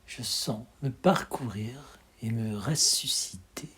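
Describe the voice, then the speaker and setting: Reciting poems with feeling, this man's medium-pitched voice is husky and breathy. He moves through deliberate, dramatic lines, often letting them fade into a near whisper.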